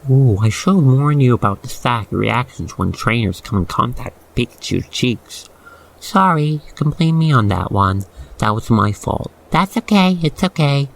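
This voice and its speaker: In a gushing, sentimental way, an expressive narrator leads the listener through an ASMR roleplay story. The voice is medium-pitched with vocal fry, and the audio quality is poor.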